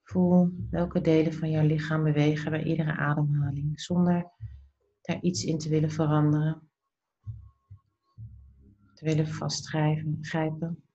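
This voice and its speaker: A woman leading a slow guided meditation in a soft, soothing, unhurried voice that turns breathy at the ends of phrases, with pauses between short phrases. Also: low voice, level tone, lo-fi sound.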